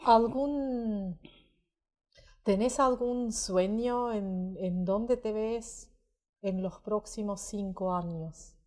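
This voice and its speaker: A woman asking gentle, friendly interview questions. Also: medium pitch, drawn-out words. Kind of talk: casual interview.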